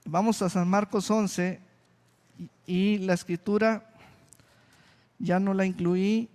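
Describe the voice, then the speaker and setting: A male pastor preaching a sermon slowly and deliberately, repeating key phrases for emphasis. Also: high voice, steady tone, darkish tone. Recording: long reverb of a church hall.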